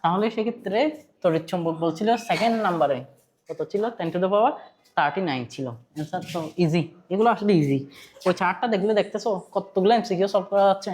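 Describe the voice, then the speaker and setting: Bangladeshi-accented physics tutor, chatty lecture, repeats and quizzes, mid pitch. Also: fast talker, a little mellow, slight background noise. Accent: Bangladeshi Bengali. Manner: conversational, quizzes students, repeats points, mixes in English terms. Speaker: physics teacher. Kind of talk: online class lecture.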